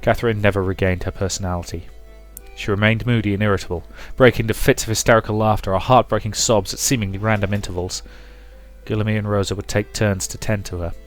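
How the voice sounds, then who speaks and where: With music playing in the background, a man hosts a let's play, reading the game's story aloud dramatically and tossing in casual commentary. His voice is lowish and fairly even in intonation, and he talks fast.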